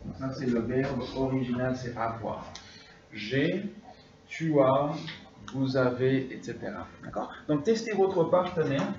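A man teaching a French class, speaking slowly, repeating his phrases and slipping now and then into English. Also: medium pitch, lively intonation, darkish tone, far from the mic. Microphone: distant room recording. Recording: echoey classroom recorded from afar, dull.

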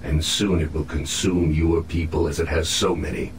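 Captive alien, video game, very low pitch, proud, portentous, noticeable hum behind. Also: male voice, little pitch movement, echoey room. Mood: grim, resigned. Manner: formal, measured, portentous speech. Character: captive alien infiltrator, solemn, proud, menacing yet doubting. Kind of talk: video game cutscene acting.

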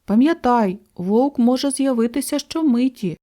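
A woman voicing a calm, dignified old male bear who advises kindly and without hurry in a children's storybook. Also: fairly high pitch, pitched above the performer's own voice, lightly acted. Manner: slow, unhurried and kindly advising.

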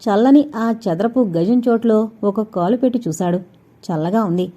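A woman narrating a suspense novel as an audiobook, reading in a steady, measured way with quiet dramatic pauses. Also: mid-range voice. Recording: dull, lo-fi recording.

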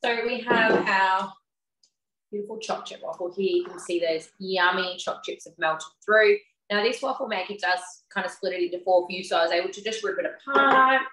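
A woman's voice: mid-range voice, a little fast, fairly bright tone. A young woman presenting part of a live cooking demonstration from her kitchen, friendly and inviting viewers to comment. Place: home kitchen, indoors. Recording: roomy, distant audio with faint noise.

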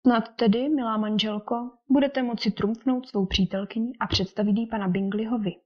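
A woman reading the lines of a dry, teasing older English gentleman and father in an audiobook. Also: on the high side, steady tone, natural voice. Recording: dull lo-fi recording.

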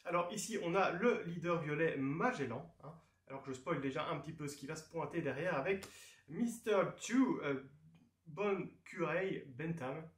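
A man's voice: fairly high pitch, a little fast, fairly bright tone. A man hosting a card game channel, giving a casual unboxing commentary full of playful, jokey asides. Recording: echoey room.

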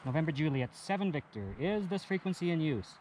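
A man's voice: fairly high pitch, very animated, fairly quick, noisy background. A man making a ham radio call outdoors on a mountain, spelling call signs in clipped, repeated radio procedure.

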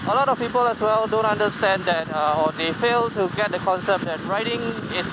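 A man talking casually while riding a motorcycle on a highway, rambling with many fillers and restarts and the odd swear word, into a helmet mic. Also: a little fast. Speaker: motovlogger. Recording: loud road and wind noise. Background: loud road and engine noise.

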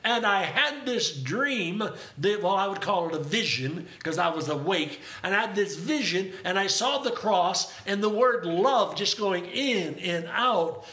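Older male Pentecostal preacher, exuberant, bright and forceful tone, frequent hallelujahs and bursts of tongues. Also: sits high, animated, unhurried, few pauses. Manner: exuberant, calls out hallelujahs and praise; breaks into speaking in tongues. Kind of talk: Pentecostal sermon.

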